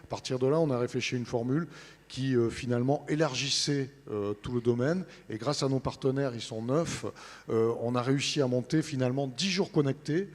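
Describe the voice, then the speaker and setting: A man's voice: medium pitch, fairly quick, darkish tone. Hesitant man presenting in a reverberant hall. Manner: hesitant, searching for words. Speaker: interview guest representing a newspaper. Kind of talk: informal spoken event presentation. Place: large studio set in a big hall. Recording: large hall with long reverb.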